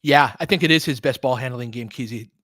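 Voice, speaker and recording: Fairly quick and a little bright, this mid-range male voice comes through as a dry, clean studio recording. The speaker runs a basketball film-room audio stream, calling live play-by-play with casual analysis, talking loosely with his audience and rooting for the players like a fan would.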